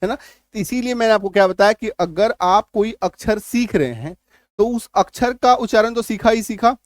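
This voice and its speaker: A man teaching English reading in a spoken lesson, drilling letter combinations and asking quick checking questions. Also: dry recording, clean studio sound. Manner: fast sales pitch for his course.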